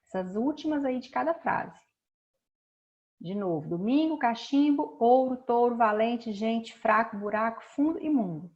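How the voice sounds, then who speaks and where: Patient woman teacher slowly stressing syllables. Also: fairly high pitch, lively intonation, darkish tone, dull audio. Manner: patient, slow and explanatory, stretching out words to stress syllables. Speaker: schoolteacher. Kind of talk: recorded remote class lesson.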